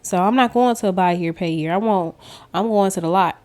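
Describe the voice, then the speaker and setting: A woman's voice: medium pitch, a little fast, a little mellow. A woman vlogger giving a casual personal testimony, talking straight to her viewers as she tells her story. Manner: chatty storyteller who addresses viewers directly. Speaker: faith vlogger.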